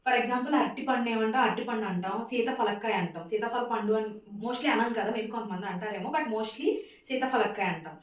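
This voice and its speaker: A woman teaching a casual spoken language lesson, repeating words slowly for pronunciation and mixing in English phrases. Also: on the high side. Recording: echoey room, distant mic.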